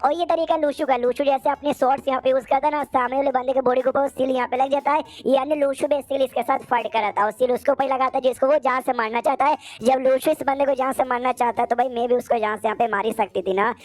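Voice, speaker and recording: A woman's voice: high voice, fairly even intonation, fast, few pauses, a little mellow. A woman narrating an anime recap in a casual, chatty way full of slangy asides.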